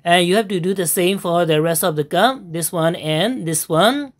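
A woman with a lowish voice narrates a screen-recorded software tutorial, taking the steps slowly. Her instructions go one step at a time, full of pauses and frequent "uh" fillers.

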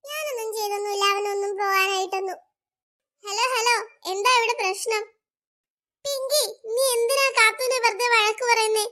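Cast note: woman playing squabbling childlike cartoon pals, very high, bright, lively. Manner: lively, bickering. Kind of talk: cartoon voice acting.

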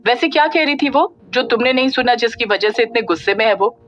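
A woman's voice: on the high side, a little fast, a bit bright, pitched above the performer's own voice, natural voice. Tara, a puzzled young woman, read by a woman narrator. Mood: bewildered. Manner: bewildered questioning. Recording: dull lo-fi audio with faint music.

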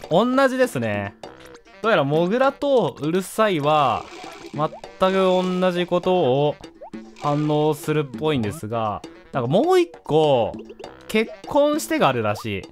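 A man's voice: fairly high pitch, sing-song, measured pace, soft background music. A man, a gaming YouTuber, commenting casually and with amusement as he plays, recorded on a studio microphone at home. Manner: amused, chatty, reacting to the game. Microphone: studio condenser mic.

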